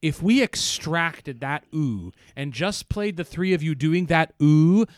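A man's voice: fairly high pitch, animated, takes it slowly, no room sound, studio quality. A man co-hosting a casual podcast, explaining voice science terms and thinking aloud with frequent restarts. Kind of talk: casual technical discussion.

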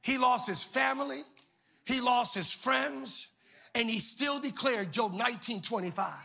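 A male pastor preaching a sermon, shouting in a sing-song call-and-response style. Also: extremely high pitch, unhurried, vocal fry, breathy edge, faint music behind.

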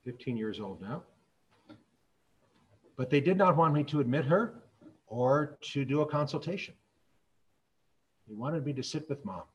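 A middle-aged man, a physician, telling stories in a public talk in an earnest, measured way. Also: mid-range voice, animated, lo-fi sound. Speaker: physician and speaker.

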